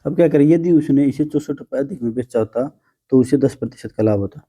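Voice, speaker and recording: A man's voice: medium pitch, a little fast, dark tone, breathy edge. A man teaching a math lesson to students, patient and coaxing, often calling them "beta" and teasing them a little.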